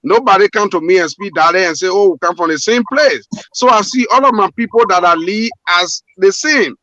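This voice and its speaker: A man's voice: sits high, brisk, bright, forceful tone, no room sound, lo-fi sound. A Liberian man, a port manager guest on a call-in show, speaking earnestly with many repeats and restarts. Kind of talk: call-in radio interview.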